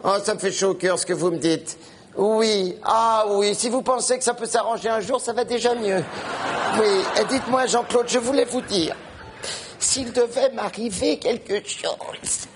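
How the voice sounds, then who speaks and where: A man playing a spiteful older mother-in-law in a comedy sketch phone call, shrill and cackling as she gushes and curses. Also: normal speed, slight background noise, natural voice. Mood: mocking. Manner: shrill, cackling, gushing then cursing on the phone. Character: spiteful old woman, scheming mother-in-law. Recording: live stage recording with loud audience. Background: audience laughter.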